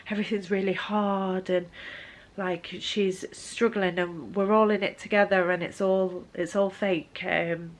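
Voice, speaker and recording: A woman's voice: medium pitch, fairly even intonation, unhurried. A young adult woman, giving a casual book vlog update, tired, hesitant and full of ums. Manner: hesitant, lots of ums, soft and weary. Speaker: book vlogger.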